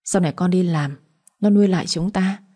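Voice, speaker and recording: A woman's voice: on the low side, fairly quick, dark tone, slightly rough. Woman playing a pleading middle-aged father. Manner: pleading, reproachful. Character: aggrieved middle-aged father, patient then angry.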